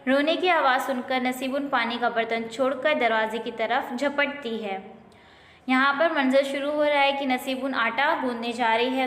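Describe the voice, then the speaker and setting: A woman's voice: high voice, a bit bright. A woman teacher who reads a school play aloud and explains each line simply, repeating it for young pupils. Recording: roomy with long reverb.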